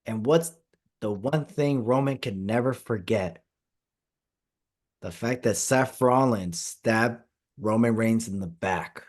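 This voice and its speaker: A man hosting a wrestling podcast, chatting excitedly and stressing his points, his voice a bit hoarse. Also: lowish voice, slow pace. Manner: excited, emphatic, repeats phrases. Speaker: podcast host. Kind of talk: casual podcast chat.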